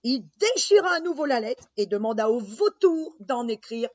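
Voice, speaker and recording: A woman reading a children's story aloud, slow and expressive. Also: fairly high pitch. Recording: dull lo-fi sound.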